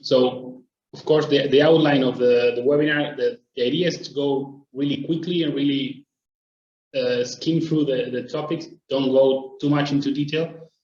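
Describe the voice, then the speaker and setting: A man from Argentina, presenting a webinar in a steady, explanatory way. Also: mid-range voice, moderate pace, echoey room, muffled recording, slight background noise. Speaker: traffic planner presenting.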